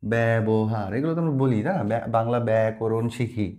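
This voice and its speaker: Man teaching, dark mellow voice. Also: mid-range voice. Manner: patient, repeats words and letters slowly; mixes in English words while explaining. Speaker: language teacher. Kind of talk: spoken pronunciation lesson.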